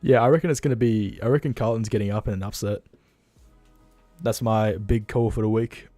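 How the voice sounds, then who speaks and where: Australian man, young adult, livestream host, tired, rambling and blunt, low-pitched, dry sound. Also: fairly quick, mellow, no echo, soft background music. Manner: rambling, blunt, swears freely. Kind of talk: casual livestream chat.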